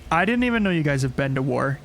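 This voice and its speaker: A man streaming a game and chatting casually with friends, joking and excitable. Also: on the high side, fast, gravelly. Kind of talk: casual gaming chat. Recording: noisy game audio behind voice.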